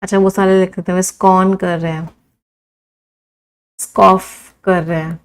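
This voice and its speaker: A young Indian woman teaching English vocabulary in an online class. She reels off lists of synonyms and slows down to dictate idioms. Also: fairly low pitch, flat delivery, smooth. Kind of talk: live online vocabulary lesson.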